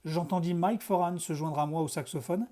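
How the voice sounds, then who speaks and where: Mellow-voiced male audiobook narrator. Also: on the high side, moderate pace. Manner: steady first-person storytelling. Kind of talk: audiobook narration of a children's novel.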